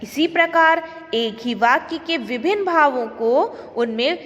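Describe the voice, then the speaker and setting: A woman's voice: high voice, animated, measured pace, fairly bright tone, big-room sound, lo-fi sound. A woman teacher giving an online grammar lesson, explaining step by step and asking the class questions.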